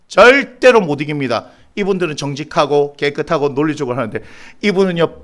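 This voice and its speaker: Animated Gyeongsang pastor preaching. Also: male voice, high-pitched. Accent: Gyeongsang Korean. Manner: animated, teasing the congregation by name, bursts of exasperation. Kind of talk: sermon.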